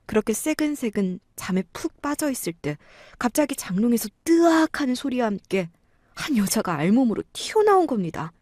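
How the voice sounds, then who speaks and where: A woman narrating a dramatized first-person story in a lively, indignant way. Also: fairly high pitch, moderate pace, no echo, clean studio sound.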